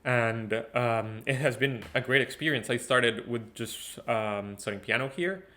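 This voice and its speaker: A man's voice: mid-range voice, measured pace. Young guy from ecuador, laid-back chatty guest, lots of ums and repeats. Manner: relaxed, chatty, frequent fillers and repeats. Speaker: guest musician. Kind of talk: casual interview talk.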